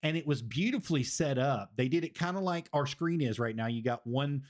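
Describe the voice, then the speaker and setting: A man's voice: mid-range voice, brisk. A man, hosting a casual wrestling review stream and rambling, repeating phrases for emphasis. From Tennessee, US. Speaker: stream host.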